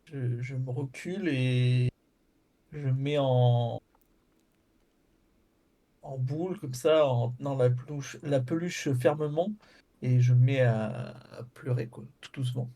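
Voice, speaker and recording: Gravelly, dark-voiced male player. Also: medium pitch, takes it slowly, long pauses. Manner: hesitant, repeats words. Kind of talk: describing his character's actions in a tabletop game.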